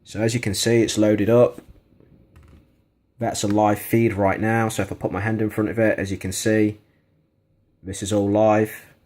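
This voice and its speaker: On the low side and darkish in tone, a man's voice carries a casual product review recorded indoors in a kitchen. This gadget reviewer demonstrates the item conversationally and criticizes it candidly.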